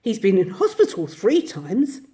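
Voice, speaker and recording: A woman voicing a small, excitable male mole who speaks with eager admiration, in a storybook reading. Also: mid-range voice, a little slow. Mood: worried.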